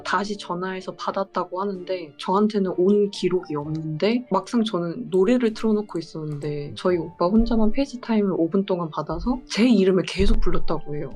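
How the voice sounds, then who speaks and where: A woman's voice: mid-range voice, a little mellow. A woman in her twenties recounting strange blackouts in a puzzled, detailed way. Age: 20s. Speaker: caller. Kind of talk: casual storytelling on a call.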